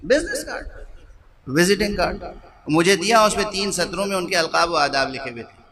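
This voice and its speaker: A man's voice: high voice, animated, fairly bright tone. A middle-aged man preaching a sermon as a cleric, repeating phrases for emphasis and putting rhetorical questions to his listeners. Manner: rhetorical questions to the audience, emphatic repetition, slows down to stress words. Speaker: Shia cleric giving a majlis sermon.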